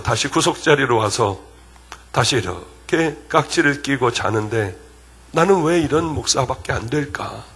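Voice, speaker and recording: Middle-aged male pastor, husky and bright-toned, emotional revival preaching with a lively, rising-and-falling pitch. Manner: emotional storytelling, swinging from loud to hushed. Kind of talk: sermon. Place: revival meeting hall.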